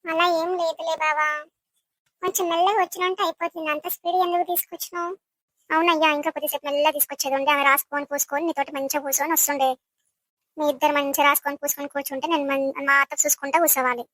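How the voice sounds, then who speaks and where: A woman's voice: high-pitched, flat delivery, racing, a bit bright, no echo, rough recording. A woman voicing a jealous, scheming young girl cousin in a village comedy skit, taunting and gloating. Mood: teasing.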